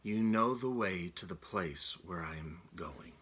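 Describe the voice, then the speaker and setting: Sitting close to his webcam in a room at home, a middle-aged pastor delivers an earnest sermon, often starting his phrases over. His voice is low and husky, with a fairly bright tone, and he speaks a little slowly.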